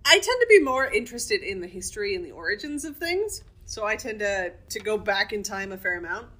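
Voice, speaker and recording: Casual podcast co-host, woman, bright tone, blunt and chatty. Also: medium pitch, animated, a little fast. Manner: chatty, blunt opinions, laughs often. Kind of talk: casual chat about fairy tale history.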